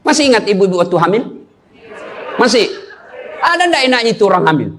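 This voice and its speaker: High-voiced, joking preacher. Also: male voice, quick pace, some chatter behind, a little hiss or hum. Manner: joking, animated, calls out to the audience. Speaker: Islamic preacher. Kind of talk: humorous sermon.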